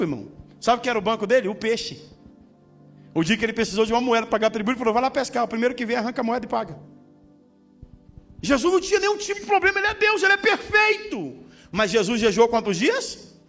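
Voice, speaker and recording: A man with a fairly high voice preaches a sermon as pastor, mixing jokes with calls for the congregation to repeat after him. Soft music plays faintly behind his voice. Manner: humorous, with call-and-response to the congregation.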